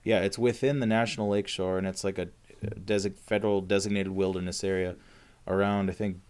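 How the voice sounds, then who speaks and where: Podcast co-host: man, very low voice, easygoing rambling chat. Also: little pitch movement, a little fast, darkish tone, smooth. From Upper Peninsula of Michigan. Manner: rambling, many fillers and restarts. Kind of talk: casual chat.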